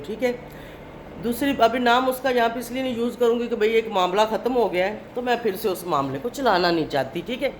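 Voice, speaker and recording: Her voice is medium-pitched, with slight background noise behind it. A family vlogger from Pakistan, she speaks directly to camera in an indignant, lecturing monologue, repeatedly capping her points with "okay?".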